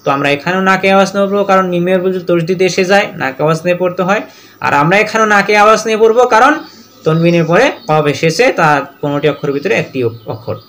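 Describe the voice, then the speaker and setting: In a high, somewhat bright voice, a man runs a Quran reading lesson. He names each letter and vowel mark individually, then recites every verse slowly and with long, drawn-out sounds.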